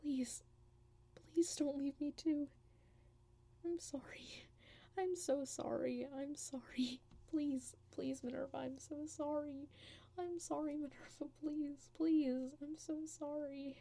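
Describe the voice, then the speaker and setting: A woman's voice: sits high, fairly even intonation, slow pace, creaky, dark tone, full character voice. A woman as a stammering, pleading realm guardian. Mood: pleading, broken. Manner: pleading, stammering, slips into whispers. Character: anguished guardian who returns lost people home. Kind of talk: audio drama monologue.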